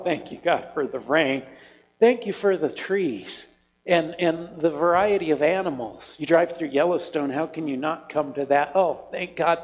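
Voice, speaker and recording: A man with a high voice preaches a sermon in a church sanctuary. He keeps it conversational and animated, throwing out rhetorical questions to the congregation. The room carries a long, echoing reverb. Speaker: pastor.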